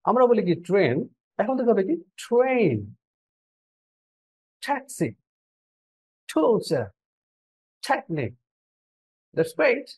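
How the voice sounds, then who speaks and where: Slow, animated woman drilling English sounds. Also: on the high side, husky. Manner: repeats sounds and drills words one by one; mixes Bengali explanation with English examples. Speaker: English teacher. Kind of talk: pronunciation lesson.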